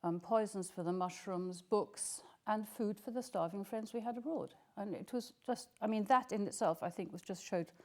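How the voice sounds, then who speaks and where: A woman's voice: medium pitch, normal speed, few pauses. An older woman telling childhood memories in an interview, enthusiastic and full of "um"s. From Scotland. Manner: warm, enthusiastic storytelling with frequent "um"s. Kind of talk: reminiscing interview.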